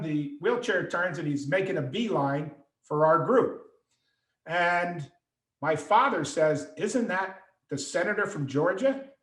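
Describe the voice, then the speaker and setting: A middle-aged man telling a story over a video call, acting out the voices of the people in it. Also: on the high side. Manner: animated storyteller, acts out quoted voices. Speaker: author and speaker. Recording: echoey room on a call.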